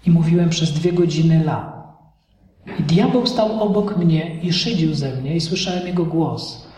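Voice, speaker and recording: A male pastor preaching a sermon in an animated way, acting out the voices of people in his stories. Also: a little high, unhurried, recorded from a distance. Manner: animated preaching, acts out dialogues. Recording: echoey hall recorded from afar.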